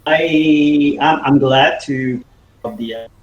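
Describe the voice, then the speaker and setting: A man calling in to a live stream as a senior environment artist, his words halting and broken up by a mic that keeps cutting out. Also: on the high side. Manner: halting, fragmented greetings. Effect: mic cutting out, crackly broken audio. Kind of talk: remote call-in on a live dev stream. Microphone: remote call mic. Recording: dull lo-fi call audio that keeps dropping out.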